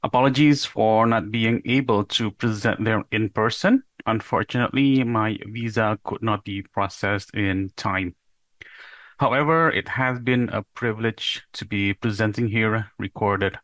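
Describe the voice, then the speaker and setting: Young guy from indonesia doing a recorded research talk, lowish voice, steady explaining, dry close sound. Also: no room sound. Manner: measured, explanatory presenting with occasional rhetorical questions. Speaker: PhD researcher presenting.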